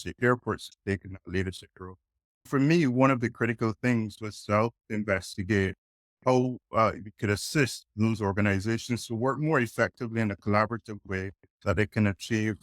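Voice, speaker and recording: A man from Barbados, a consultant, speaking as a podcast guest in a measured, thoughtful way. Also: lowish voice, no room sound. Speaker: air transport consultant.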